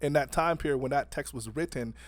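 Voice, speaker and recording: A man's voice: medium pitch, fast, dry recording. A man co-hosting a podcast, arguing earnestly and laughing often as he talks. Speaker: podcast co-host. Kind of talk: casual debate chat.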